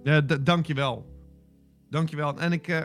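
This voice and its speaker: A man co-hosting a casual podcast chat, excitable and exaggerated, repeating himself for effect. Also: fairly high pitch, moderate pace, soft background music. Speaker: podcast co-host.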